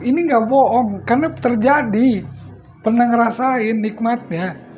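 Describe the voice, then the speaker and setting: Man, middle-aged, high voice, chatty preacher who laughs a lot, faint background noise. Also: unhurried, darkish tone. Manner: chatty storyteller, often laughs. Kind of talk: casual religious study talk.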